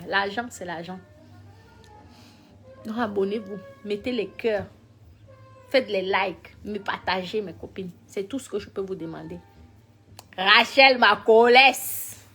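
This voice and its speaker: Woman, live-stream rant, emphatic and repetitive, loud then muttering, faint music underneath. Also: gravelly. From Cameroon. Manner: emphatic, repetitive, swings between loud scolding and low mutters.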